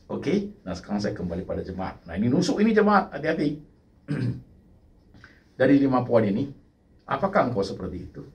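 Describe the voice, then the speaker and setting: An older man preaching a sermon in a lively way, dropping English phrases and often addressing the congregation directly. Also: mid-range voice, recorded from a distance. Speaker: pastor.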